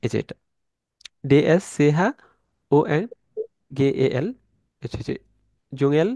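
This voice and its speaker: A man teaching an online class from slides, slowly spelling out letters and sounds in a casual way, thinking aloud with fillers as he goes. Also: fairly high pitch, mellow, no echo. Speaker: German language teacher.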